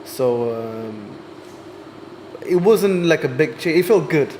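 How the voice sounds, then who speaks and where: Young male artist guest, twenties, hesitant and reflective, slightly high voice. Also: animated, takes it slowly, a little mellow, slight background noise. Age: 20s. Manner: thoughtful, hesitant with many ums. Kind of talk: casual interview chat.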